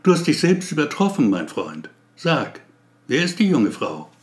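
A man's voice: on the high side, wildly swooping pitch, moderate pace. A man voicing a woman gallery owner in a read-aloud story, blunt and teasing.

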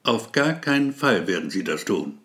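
A man's voice: lowish voice, very animated, moderate pace, fairly bright tone. Man voicing a touchy, pedantic male patient. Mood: insistent. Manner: insistent, pedantic corrections. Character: odd, touchy male patient, nervous and defensive.

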